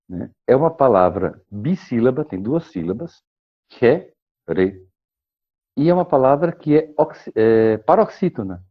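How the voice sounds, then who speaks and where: A man, a guest expert explaining things in a measured, lecturing way, often tagging questions and pausing to cough. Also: mid-range voice, highs cut off. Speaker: guest expert on liturgical chant. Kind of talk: explanatory interview talk.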